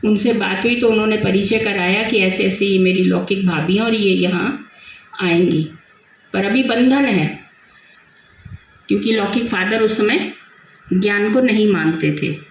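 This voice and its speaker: An older woman from Delhi, a Brahma Kumaris sister, sharing a personal spiritual testimony and reminiscing, often repeating words as she recalls things. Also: on the high side. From Delhi, India. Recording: very echoey, dull lo-fi sound, faint hiss.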